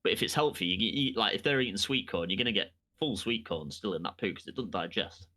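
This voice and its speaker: A young man tells a rambling, sweary story, acting out each voice he quotes. His voice is bright and forceful while he sits on the low side of the usual male range. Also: lively intonation, quick pace. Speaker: podcast co-host. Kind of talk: casual storytelling chat.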